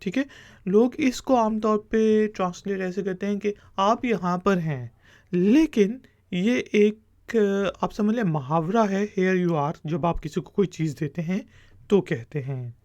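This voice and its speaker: A male language teacher speaks at a very unhurried pace, saying each phrase and then repeating it for beginners. His delivery is patient and methodical. The recording is dry and close, with no room echo. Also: high-pitched, darkish tone. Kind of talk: language lesson.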